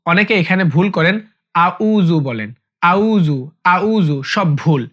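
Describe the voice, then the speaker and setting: A man with a Bangladeshi Bengali accent teaching Quran pronunciation, patiently repeating each word slowly and chanting the Arabic lines for learners to follow. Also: high-pitched, expressive, muffled recording. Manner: patient, drawn-out repetition with sung Arabic recitation. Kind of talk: slow recitation lesson, repeating words for learners.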